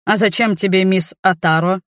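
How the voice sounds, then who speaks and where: A woman voicing a stern, easily flustered middle-aged man who heads a magic academy, talking slowly and in measured phrases. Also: mid-range voice, fairly even intonation, dry recording, studio quality, close to an everyday voice.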